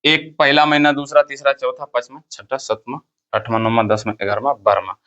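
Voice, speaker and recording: Hindi math teacher guy, bihari accent, bright voice, keeps asking the class stuff and answering it himself. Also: medium pitch, fairly even intonation, fairly quick, dull audio. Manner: asks the class questions and answers them himself; counts step by step, repeats key terms. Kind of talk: classroom lecture.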